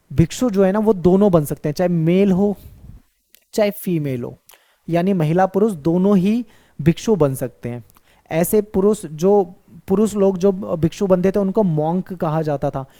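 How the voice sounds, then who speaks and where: A man's voice: on the high side, warm tone. A male teacher giving an exam-focused history lecture, who asks questions, answers them himself and repeats key points.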